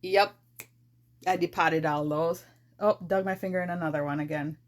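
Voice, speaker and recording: A woman's voice: on the low side, fairly even intonation, normal speed. A woman beauty vlogger talking casually to her viewers, thinking aloud and correcting herself mid-sentence as she sorts her makeup. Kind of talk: casual rambling chat to camera.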